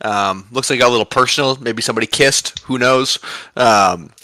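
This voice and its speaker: A man's voice: medium pitch, brisk, bright, forceful tone, dry recording. A hungover man casually recapping the last tabletop session in a rambling, joking way full of fillers.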